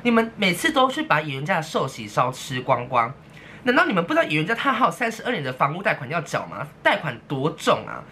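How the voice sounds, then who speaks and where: Solo woman podcaster; animated, theatrical rant, bright tone. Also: deep voice, fast talker, slight background noise. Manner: animated, exaggerated, mock-outraged, laughing often. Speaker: podcast host.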